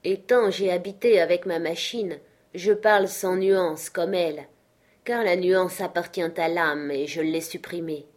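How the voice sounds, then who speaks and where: A woman reading an audiobook and voicing a bitter, obsessed male inventor whose broken voice comes out muffled and hoarse. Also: lowish voice, steady tone, a little slow, darkish tone, lightly acted. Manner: grim and declaiming.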